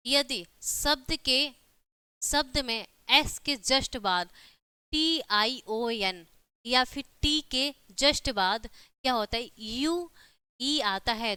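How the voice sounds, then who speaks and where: A woman's voice: a little high, pushed and bright, clean tone, dry recording. A woman teaching an online exam-prep lesson, explaining step by step with frequent rhetorical questions and repeated check-ins.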